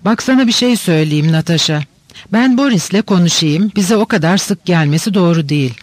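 A man voicing a gentle older countess. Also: high-pitched, a little fast, dry recording. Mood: tender. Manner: calm, soothing, advising. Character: gentle aging countess, a tender, cautious mother.

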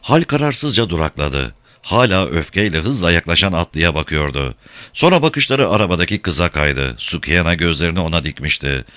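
A man reading a novel aloud as narrator, telling it in a lively, expressive way. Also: low-pitched, moderate pace, dry recording. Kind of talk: audiobook reading.

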